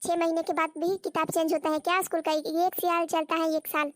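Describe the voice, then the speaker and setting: A woman's voice: very high-pitched, little pitch movement, brisk, no echo. A woman voicing a nagging, exasperated old mother-in-law in a cartoon story, scolding and repeating herself. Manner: scolding, repeats words, calls on God. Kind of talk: Hindi cartoon story voice acting.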